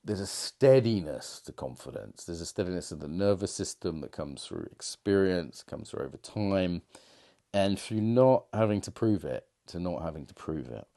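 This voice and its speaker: Speaking low and expressively at a moderate pace, with a dark tone, a middle-aged confidence coach talks casually to camera. His monologue rambles and reflects, full of fillers and restarts.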